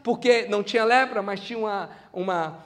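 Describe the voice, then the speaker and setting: A man with a strikingly high voice and a Brazilian Portuguese accent delivers a sermon. He preaches with animation, acting out the Bible figures in their own voices as he speaks. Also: a little fast, in a large hall.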